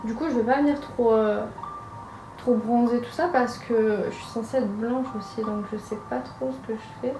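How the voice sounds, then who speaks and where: A woman's voice: a little high, fairly even intonation, normal speed. A young woman from France narrating a casual makeup tutorial, chatty and hesitant with frequent fillers, in a room at home. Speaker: makeup vlogger. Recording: roomy echo with music behind.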